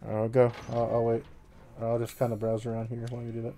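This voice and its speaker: A man's voice: medium pitch, monotone, fast talker, warm tone, slight background noise. Laid-back swearing man streaming a game. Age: 30s. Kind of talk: casual live-stream chat.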